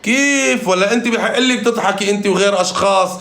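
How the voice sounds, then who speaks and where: A man giving animated live-stream commentary on a reality show. He is emphatic and often repeats his phrases. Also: high voice, a little fast, vocal fry, reverberant.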